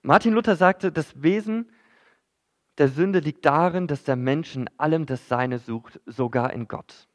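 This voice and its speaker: A man's voice: a little high, measured pace. A man preaching a sermon in church, in a conversational way that addresses the listeners directly, with frequent fillers.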